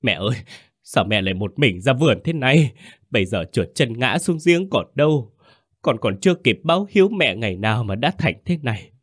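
A man voicing a scheming middle-aged son who wails loudly and theatrically, faking grief while telling a story. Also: mid-range voice, big pitch swings, fairly quick, husky, no echo, clean studio sound, voice pushed up. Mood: fake grief. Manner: loud, theatrical wailing.

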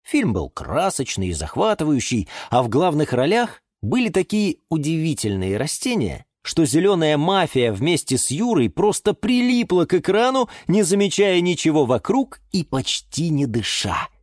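Expressive woman reading a children's story. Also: low voice, normal speed, few pauses, dry recording, clean studio sound. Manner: expressive, theatrical. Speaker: narrator.

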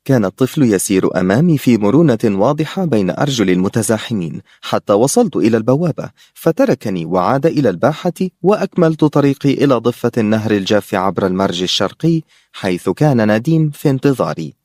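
A man reading a novel aloud at a mid pitch, keeping a steady and even storytelling pace. The voice is dry and close, with no echo at all. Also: fast talker. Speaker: audiobook narrator. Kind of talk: audiobook narration of a novel.

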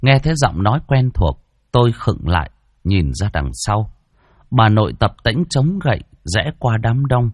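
A man's voice: fairly low pitch, sing-song, unhurried, no room sound, clean studio sound. A man narrating a first-person ghost story dramatically.

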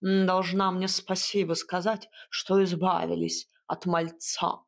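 A proud, grumbling male house cat , voiced by a woman who takes his time and slips a purring sound between words. The tone is soft and breathy and sits a touch lower than her own voice. This is audiobook storytelling. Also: level tone, a little slow. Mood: huffy. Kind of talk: audiobook character voice.

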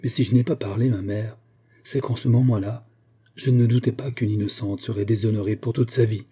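For an audiobook, a man voices a young noblewoman who is remorseful and indignant, pleading earnestly. His voice is fairly low, steady, warm and slightly rough, moving a little fast.

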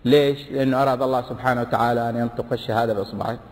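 A man preaching a sermon, emphatic, swinging from low asides to high exclamations. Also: fairly even intonation, very fast. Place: large hall before a big audience. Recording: long hall reverb.

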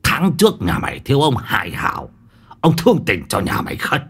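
A man playing a cruel, greedy old village official who curses and yells threats at the poor. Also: on the low side, big pitch swings, brisk, slightly rough, full character voice. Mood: snarling. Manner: snarling, cursing, yelling threats.

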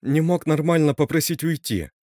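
A man voicing a frightened teenage girl who turns shrill and high-strung when upset, in a read-aloud horror story. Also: normal speed, darkish tone, no echo, studio quality, natural voice. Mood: scared.

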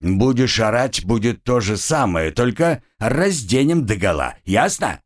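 A man playing a curt gruff soldier. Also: measured pace. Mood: commanding. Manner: curt, commanding, low and flat. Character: stern, gruff adult male soldier guard.

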